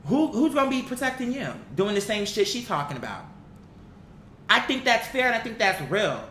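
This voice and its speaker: A woman on the high side, sing-song and a bit bright, speaks at normal speed. She's an online commentator giving exasperated, emphatic, opinionated takes, swearing freely and arguing via rhetorical questions. The echoey room carries faint background noise.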